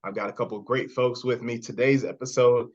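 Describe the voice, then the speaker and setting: An enthusiastic man hosts a podcast interview in a relaxed, chatty way. He greets his guests and cheers them on. The recording sounds a little dull and lo-fi. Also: mid-range voice, brisk. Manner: upbeat, enthusiastic, frequent praise. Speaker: podcast host. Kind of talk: casual interview chat.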